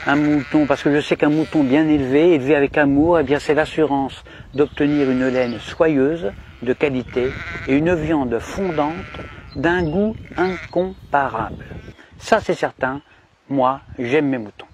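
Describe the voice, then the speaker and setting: A man from DR Congo playing a smug, cunning shepherd in a mock-cheerful satirical monologue with sly, emphatic pitch swings. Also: a little slow, a little mellow, dull audio, slight background noise, lightly acted. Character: cunning, smug male shepherd boasting of control.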